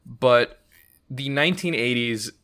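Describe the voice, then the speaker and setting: A man's voice: mid-range voice, slow pace, sharp tone. A man co-hosting a casual podcast, talking in long, rambling thoughts with frequent self-corrections and wry asides. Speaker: podcast co-host. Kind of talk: casual chat.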